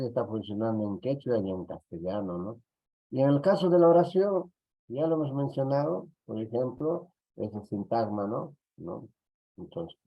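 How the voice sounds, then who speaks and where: A Peruvian man teaching an online class, talking slowly and checking in with short tag questions. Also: fairly low pitch. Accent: Peruvian Spanish. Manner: slow, repetitive, tag questions. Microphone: computer mic on a video call. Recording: dull lo-fi audio.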